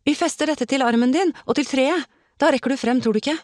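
A woman's voice: sits high, darkish tone, no echo, clean studio sound, voice pushed up, natural voice. A woman voicing a determined young woman calling out urgently during a rescue, in an audiobook reading.

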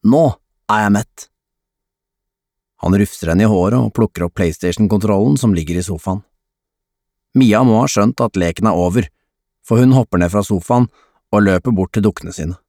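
A man narrating an audiobook in a calm, even storytelling manner. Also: low voice, no echo, clean studio sound. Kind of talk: scripted narration.

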